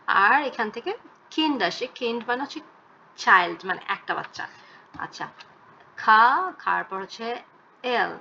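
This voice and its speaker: A woman going over German vocabulary in a casual spoken lesson, thinking aloud and repeating words slowly to get the pronunciation right. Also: mid-range voice, sharp tone, slight background noise. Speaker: language learner teaching German words. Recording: slightly dull, faint background ambience.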